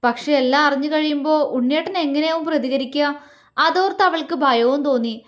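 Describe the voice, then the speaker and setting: High-voiced woman narrating a novel. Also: brisk. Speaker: storyteller. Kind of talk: scripted narration of a serialized novel.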